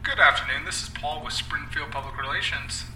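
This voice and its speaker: A man's voice: a little high, brisk, echoey room, far from the mic, music in the background, lightly acted, poor audio. A man playing an evasive male corporate public relations representative who answers in curt, scripted lines.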